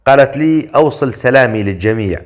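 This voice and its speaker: A man voicing a stern, confident male leader in an audiobook story, with a dry, measured delivery. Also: mid-range voice, lively intonation, lightly acted. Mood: teasing. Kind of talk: audiobook character voice.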